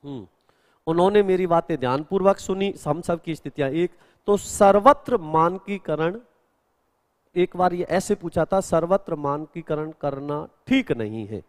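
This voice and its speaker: A man's voice: fairly high pitch, measured pace, darkish tone, big-room sound. A male Hindi grammar teacher in a live exam-prep class, explaining answers step by step and answering students' questions.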